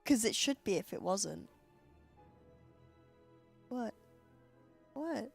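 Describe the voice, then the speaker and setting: A woman co-hosting a livestream, chatty and excitable, playfully exclaiming and thanking viewers. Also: a little high, extremely slow, gravelly, slightly rough. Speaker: livestream co-host. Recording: music behind the voice.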